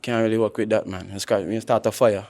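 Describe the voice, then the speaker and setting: A man's voice: lowish voice, steady tone, fast, a little mellow. A man with a Kittitian accent, talking in casual, unscripted banter as a dating show contestant. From Saint Kitts and Nevis.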